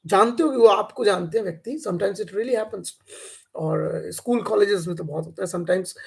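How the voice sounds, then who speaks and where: Slow, gravelly-voiced male teacher. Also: high voice, darkish tone, rough recording. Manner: explains slowly, switching between Hindi and English; many hesitant "uh" fillers. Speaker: English teacher. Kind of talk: live online class.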